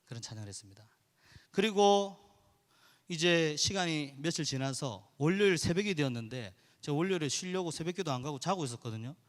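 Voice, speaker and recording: A man's voice: fairly high pitch, fairly quick. A male pastor, telling a personal story in an earnest sermon to his congregation in a church sanctuary. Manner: earnest, animated storytelling, addresses the congregation directly. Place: church sanctuary during a midweek service. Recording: reverberant church hall.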